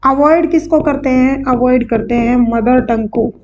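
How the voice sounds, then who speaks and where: High-voiced woman teacher, question and answer. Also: a little mellow, highs cut off. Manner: asks questions and answers them herself; repeats key words slowly. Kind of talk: exam-prep lesson with board work.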